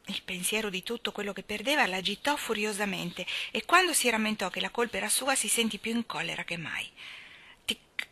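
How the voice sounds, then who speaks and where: Woman, storybook narration, bright voice, mid pitch, expressive, dips into whispers. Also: a little fast, hardly any pauses. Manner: expressive, dropping to a whisper at moments. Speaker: audiobook reader.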